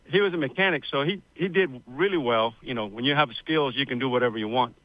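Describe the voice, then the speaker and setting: On a dry, muffled recording, a man in his sixties who was born in Cuba speaks quickly in a mid-range voice. As a radio guest in a casual interview, he recounts his family's story in a rambling, talkative way with lots of fillers.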